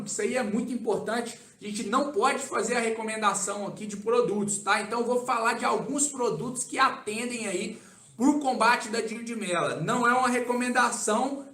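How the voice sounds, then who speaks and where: A Brazilian man answers viewer questions on a live stream in a casual, relaxed way, keeps tagging his sentences with "tá?". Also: very high-pitched. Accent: Brazilian Portuguese. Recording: echoey room.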